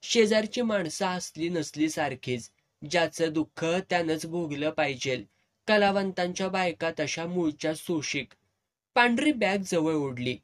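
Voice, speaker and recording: A male storyteller reads a serialized novel aloud, telling it in the first person. His voice sits a little high for a man, and he keeps the dialect of the story's world in his narration. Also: lively intonation, a little slow.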